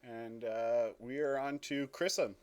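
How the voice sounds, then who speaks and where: A man's voice: mid-range voice, steady tone, unhurried, clean tone. A man running a tabletop game as game master, reading character intros with casual asides and small restarts.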